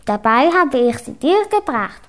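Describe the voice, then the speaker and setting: A woman voicing a kind, chatty male pirate parrot who croaks his words quickly. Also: high-pitched, sing-song, a bit bright, heavily acted.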